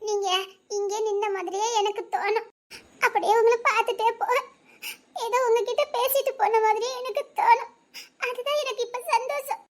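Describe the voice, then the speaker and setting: A woman's voice: very high-pitched, fairly even intonation, moderate pace. A woman playing a wistful grieving widow. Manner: wistful, tearful, half-laughing. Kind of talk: cartoon voice acting.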